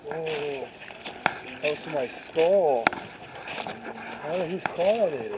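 A man's voice: fairly high pitch, huge pitch swings, slow, vocal fry. A man chatting casually while exploring old railroad tracks outdoors at night, musing aloud with curiosity. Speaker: urban explorer. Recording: loud outdoor noise, camera mic.

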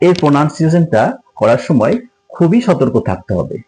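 Man teaching, lively pitch. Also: fairly quick, soft background music, low-quality recording. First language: Bengali. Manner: spells words letter by letter, then repeats the sound. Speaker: English tutor. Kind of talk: spoken language lesson at a board.

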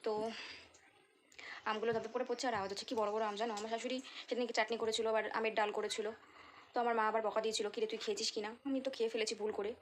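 A young adult woman with a Bengali accent chats casually in a home vlog from her kitchen and courtyard, sounding tired and unwell. Her voice sits on the high side with little pitch movement, and she talks quickly but pauses often over slight background noise.

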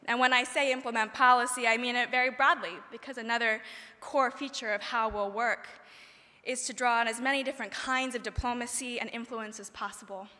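A young woman giving a prepared conference speech from a podium in a large hall, measured and earnest. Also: on the high side, steady tone, pushed and bright. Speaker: conference speaker. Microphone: podium microphone. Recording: long hall reverb.

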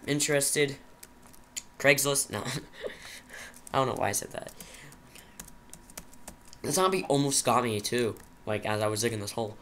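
Shaky young guy muttering over his minecraft run, bright voice, faint hiss and keyboard clicks behind. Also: medium pitch, measured pace, pauses often. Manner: jittery, rambling, talks to himself. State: nervous, shaky. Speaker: gaming channel host. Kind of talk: Minecraft commentary.

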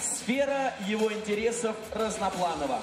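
A male show host with a high voice presents like a ringmaster, projecting ceremonially to a hall. The sound is distant and echoey, with music playing behind him. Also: lively intonation, normal speed. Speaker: contest host. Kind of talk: ringmaster-style stage announcing of contestants. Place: large theatre stage, indoors.

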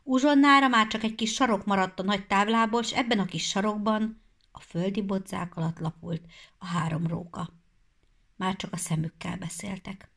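A woman narrating a children's storybook in a measured, expressive way. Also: medium pitch, gravelly. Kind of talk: storybook reading.

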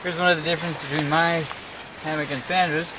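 A man in his thirties talking casually about his gear at a forest campsite, relaxed and chatty with lots of filler words. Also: fairly high pitch, fast. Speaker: outdoor vlogger. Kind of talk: casual gear talk while camping. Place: forest campsite outdoors in rain. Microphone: camera mic, moving near and far. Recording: outdoor ambience noise.

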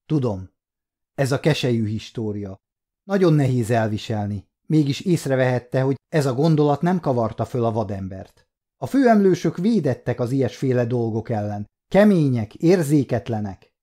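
A man playing an alien chief supervisor, grave and troubled, who speaks in a measured, formal way. His tone is dark and mellow. It is a storybook reading. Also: medium pitch, very animated.

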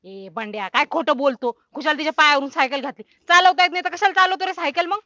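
A woman's voice: high-pitched, fast talker, sharp tone, dry recording, lo-fi sound. A woman acting in a rural comic skit, bossy and scolding in village speech. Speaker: village comedy sketch actress.

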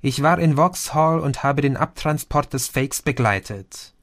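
A man doing a calm, matter-of-fact young man. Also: mid-range voice, a little slow, pitched above the performer's own voice.

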